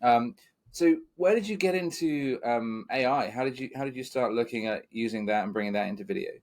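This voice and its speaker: A man's voice: medium pitch, brisk. A man hosting a podcast interview in a friendly, chatty way with joking asides. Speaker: podcast host.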